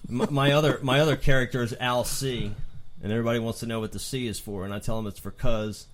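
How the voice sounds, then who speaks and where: A man bantering on a podcast, telling crude stand-up jokes in a deadpan way. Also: medium pitch, fast. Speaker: comedian guest.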